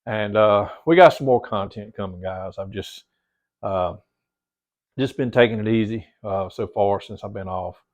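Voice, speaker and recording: An unhurried, lowish male voice belongs to a middle-aged man who is slightly congested. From his home theater room he rambles casually to camera, repeating words and calling viewers "guys," in dull lo-fi sound.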